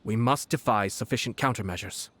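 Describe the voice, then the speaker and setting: An actor playing a calm, scheming young noble commissioner who speaks formally and in measured tones. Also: male voice, lowish voice, a little hiss or hum, natural voice. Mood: composed. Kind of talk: game dialogue.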